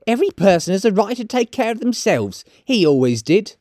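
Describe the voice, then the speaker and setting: A man voicing a bold, defiant, scornful charwoman in a storybook reading, loud and exclaiming. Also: sits high, very animated, a little fast, no echo, studio quality, pitched above the performer's own voice.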